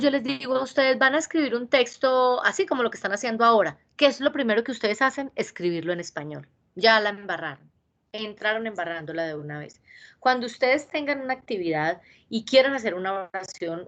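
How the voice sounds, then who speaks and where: Lady teaching english verbs to a class, patient, says each form slow. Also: on the high side, a bit bright, highs cut off. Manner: patient, repeats verb forms slowly.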